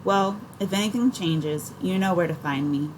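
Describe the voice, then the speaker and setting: A woman's voice: on the low side, normal speed, noisy background, natural voice. A woman voicing a grown male doctor who gives matter-of-fact instructions. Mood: calm. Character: calm adult male country doctor.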